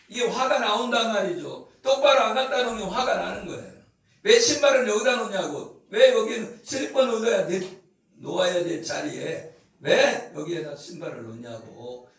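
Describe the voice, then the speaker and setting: A man's voice: sits high, creaky. A man preaching a sermon as pastor, asking the congregation questions and acting out scolding voices. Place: church sanctuary. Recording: echoey hall, from far off.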